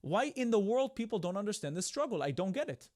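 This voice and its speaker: This is a young man from Israel hosting a heated debate, and his speech carries an American-tinged accent. His voice sits high for a man, and he talks in an insistent, argumentative way, circling back over his own words to keep pressing. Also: very animated, quick pace, darkish tone. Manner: insistent, argumentative, repeats himself. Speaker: debating host.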